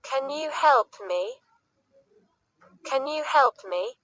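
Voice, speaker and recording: Slow, bright woman drilling English phrases. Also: high voice, expressive, no echo. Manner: reads each sentence twice, clearly and deliberately. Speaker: English teacher.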